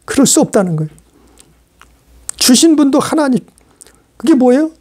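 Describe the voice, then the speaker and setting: Male preacher with a high voice, delivering an emphatic sermon that builds through repetition. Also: sing-song, normal speed, a little mellow. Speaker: pastor.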